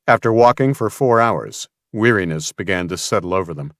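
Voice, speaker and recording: A man narrating an audiobook in a steady, even reading voice. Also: low-pitched, a little fast, no echo, clean studio sound. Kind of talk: scripted narration.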